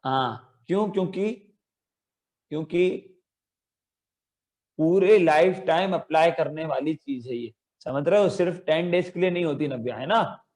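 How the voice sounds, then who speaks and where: A man teaching a children's religion class over a video call, calling on children by name and chanting verses slowly for them to repeat. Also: a little high, darkish tone.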